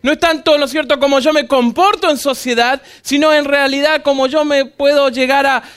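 A man preaching a sermon to a church congregation, lively and joking, acting out little dialogues. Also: extremely high pitch, fairly quick. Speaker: pastor.

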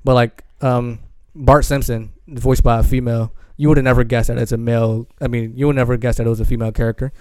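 A man co-hosting a podcast in an easygoing drawl, often pausing on "um". His delivery stays flat and mellow. The sound is dry and close. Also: mid-range voice, clean tone, no echo. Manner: laid-back, drawling, frequent ums. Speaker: podcast co-host. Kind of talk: casual chat.

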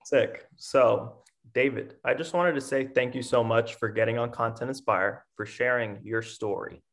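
A man's voice: medium pitch, fairly even intonation, moderate pace, fairly bright tone. A man hosting a casual podcast interview, thanking his guest and chiming in with brief encouraging words. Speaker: podcast host.

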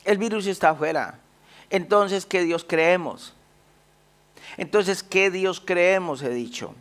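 A pastor preaching a sermon, often asking the congregation rhetorical questions. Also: male voice, high voice, slow, a bit bright.

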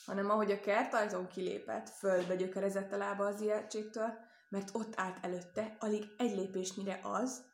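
A woman narrating a storybook tale in a steady, expressive reading. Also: mid-range voice, reverberant. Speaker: reader.

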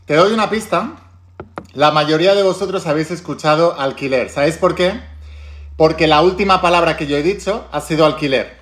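A man's voice: on the high side, brisk, a bit bright. A man with a Spain Spanish accent, a self-help teacher speaking directly to viewers in an emphatic way and repeating key phrases.

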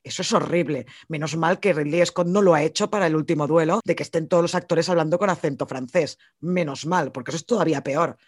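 Man, Spanish accent, podcast co-host, animated and ranty, slightly high voice, dry close sound. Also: fast talker, hardly any pauses, breathy edge, no room sound. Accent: Spanish from Spain. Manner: animated, swears casually, rants with rising pitch. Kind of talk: casual film review chat.

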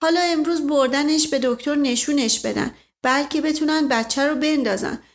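A woman's voice: sits high, pitched above the performer's own voice. A woman voicing a naive, hesitant young housemaid who chatters in a gossipy way. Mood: hushed. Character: young simple-minded housemaid girl, hesitant.

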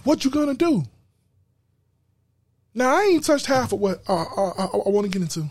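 A man preaching an impassioned sermon, shouting, stammering and repeating words as he drives his points home. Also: sits high, sing-song, moderate pace, no room sound.

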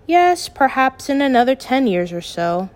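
A woman reading as a steady, calm father. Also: sits high, voice pushed up. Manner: calm, measured, gently firm. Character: steady middle-aged father, practical and kind.

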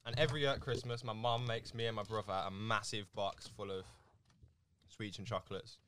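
A teenage boy from England hosting a casual podcast with friends, joking and loud, talking while eating. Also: lowish voice, fairly even intonation, brisk. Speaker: podcast host. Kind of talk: casual chat. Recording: noisy home recording.

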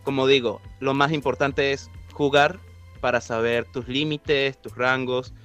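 A man's voice: mid-range voice, fairly even intonation, unhurried, a bit bright, smooth, faint music behind. A man talking about voice acting in a casual podcast conversation, explaining step by step and laughing easily. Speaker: voice actor guest.

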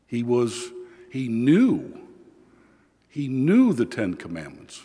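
A man serving as priest, reading the gospel and then preaching slowly and measuredly, his voice carried by a long cathedral-like echo in a large church. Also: medium pitch, wildly swooping pitch, warm tone, slightly rough. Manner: slow and measured, with frequent "uh" fillers in the homily. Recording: reverberant church hall.

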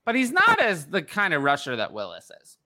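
A man co-hosting a casual sports talk show, chatting in an animated way. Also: fairly high pitch, fairly quick. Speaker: podcast co-host.

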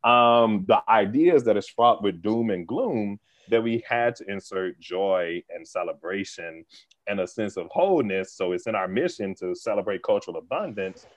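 A man speaking as a podcast guest, an animated storyteller who laughs often and talks in quick bursts. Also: on the low side, no echo. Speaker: guest, theater organization leader. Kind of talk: conversational podcast interview. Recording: dull lo-fi sound, dry.

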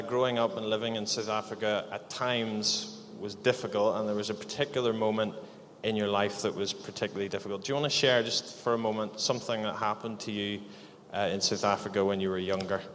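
In an echoey church hall, a church leader hosts a live interview on a handheld microphone, upbeat and encouraging as he prompts his guest with questions. His voice is on the low side and a bit bright, with slight background noise.

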